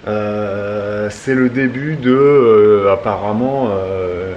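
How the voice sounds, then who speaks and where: A man hosting a casual family vlog, talking in a halting way as he thinks aloud. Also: lowish voice, highs cut off. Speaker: vlog host.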